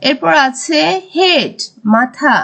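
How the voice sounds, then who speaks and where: A woman teaching a primary school English lesson, mixing English words with Bengali explanations and drawing words out slowly. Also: high-pitched, expressive, fairly bright tone. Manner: slow, drawn-out word-by-word teaching. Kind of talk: recorded classroom lesson.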